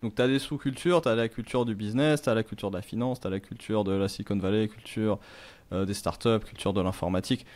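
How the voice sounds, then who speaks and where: A middle-aged man with a lowish voice chats casually. He talks his ideas through out loud, rambling and pausing on fillers. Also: fairly even intonation. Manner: rambling, thinking aloud with many fillers. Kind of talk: casual conversation.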